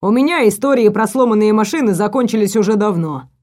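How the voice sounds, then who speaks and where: A woman voicing an angry, menacing young stepbrother who talks low and mocking. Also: animated, fast talker, a little mellow, close to an everyday voice.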